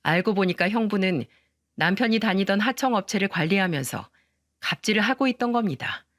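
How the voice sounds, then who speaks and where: A woman's voice: medium pitch, animated, a little fast, fairly bright tone, dry recording, studio quality. A woman narrating a first-person story in an indignant, storytelling manner.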